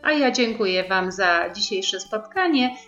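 A woman reading a story aloud to preschool children in a gentle storytelling manner. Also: medium pitch, animated, measured pace. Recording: roomy, dull sound with faint music.

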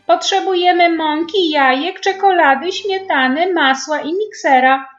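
A woman voicing a bossy, lively young girl ordering her little brother around in a storybook reading. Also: high voice, takes it slowly, pitched above the performer's own voice. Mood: listing. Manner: bossy, commanding. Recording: echoey, dull room with faint music.

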